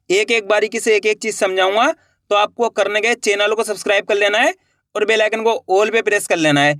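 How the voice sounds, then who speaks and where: A man's voice: high voice, a bit bright, dry recording, studio quality. A man teaching a spelling lesson in a patient, repetitive way, spelling out words letter by letter and quizzing his viewers with questions as he goes. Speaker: English teacher.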